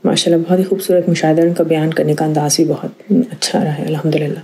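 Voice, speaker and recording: A woman hosting a devotional channel, gently commenting on the story and then praying. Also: low voice, level tone. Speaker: channel host. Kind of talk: closing comments and prayer.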